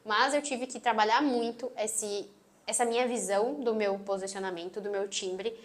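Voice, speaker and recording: A woman with a Brazilian accent and a sweet, gentle voice, teaching an online course lesson and closing her phrases firmly. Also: mid-range voice, fairly even intonation, normal speed. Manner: emphatic, closes phrases firmly. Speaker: marketing instructor. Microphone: phone on tripod.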